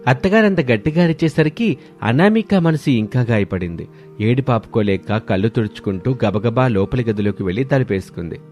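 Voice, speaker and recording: A man narrating a cartoon story in steady, scripted storytelling. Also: medium pitch, normal speed, soft background music.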